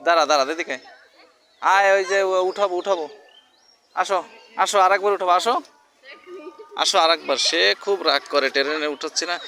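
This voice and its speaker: A man's voice: high voice, brisk, long pauses, pushed and bright, a faint crowd. A man vlogging casually while coaxing and scolding a small child. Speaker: vlogger and parent. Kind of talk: casual handheld vlog talk.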